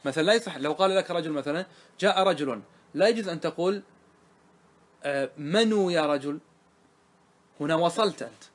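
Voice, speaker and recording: A man's voice: on the high side, expressive, racing. A man teaching grammar in a classroom lesson, quizzing his students again and again. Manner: quizzing students with repeated questions.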